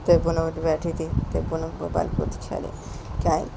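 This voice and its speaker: A woman casually narrating a romance story in a low-key, loose, repetitive way. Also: completely flat delivery, fairly quick, creaky, heavy background noise.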